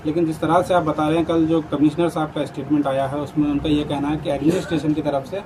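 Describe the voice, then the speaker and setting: A male reporter asking a probing, measured question during a street interview at a market. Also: a little high, flat delivery, background noise.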